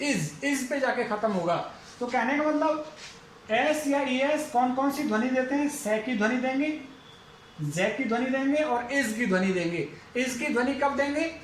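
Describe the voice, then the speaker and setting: A man with an Indian accent teaching a phonetics lesson, going slowly and repeating each example word several times. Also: very high-pitched, reverberant, a little hiss or hum, low-quality recording. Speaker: English teacher.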